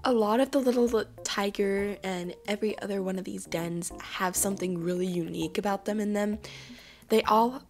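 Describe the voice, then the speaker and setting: A woman's voice: mid-range voice, normal speed, a little mellow. Sick-sounding chatty woman gamer. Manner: chatty, upbeat, rambling with fillers. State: sick, hoarse voice. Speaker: game video creator. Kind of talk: casual gameplay commentary.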